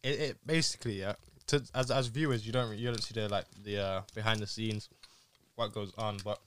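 A young man with a London accent and a fairly low voice chats casually as a podcast host. His talk is slangy banter among friends. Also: fairly even intonation, a little fast, a bit bright, a little hiss or hum. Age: young adult.

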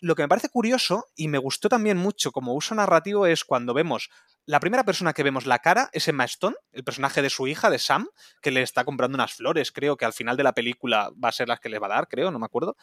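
A man's voice: a little high, expressive, fast, a bit bright, no room sound, clean studio sound. A man hosting a casual podcast, talking through a film scene by scene and steering the talk along with enthusiasm. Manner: guides the talk forward, enthusiastic. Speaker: podcast host.

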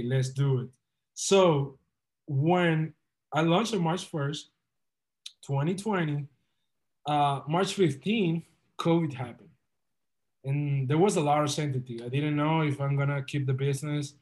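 A man's voice: on the high side, unhurried, darkish tone. A young man from the Republic, telling his story as a podcast guest in an earnest, upbeat, motivational way. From Dominican Republic. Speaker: guest entrepreneur. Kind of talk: casual podcast interview.

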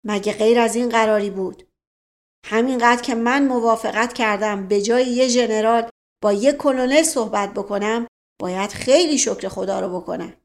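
A woman's voice: a little high, close to an everyday voice. Woman reading elderly family patriarch, proud, touchy, dry stiff tone, storybook.

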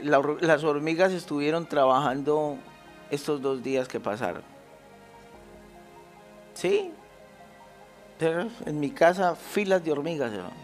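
Man preaching with rhetorical questions. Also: a little high. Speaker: pastor. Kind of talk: sermon.

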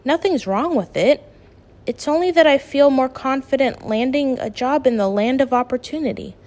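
A woman voicing a steady, practical middle-aged father who speaks in a calm, measured and gently firm way. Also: sits high, voice pushed up.

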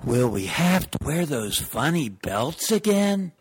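Slow and sing-song, this man's fairly high voice has a breathy edge and an exaggerated tone. Playing a curious, doubtful young son in a comedy radio sketch, he sounds puzzled and protests in a whiny, questioning way.

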